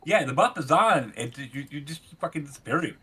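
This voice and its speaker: A man's voice: on the high side, animated, a little fast, pushed and bright, breathy edge. A man playing a tabletop game, talking casually and swearing freely. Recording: noisy background.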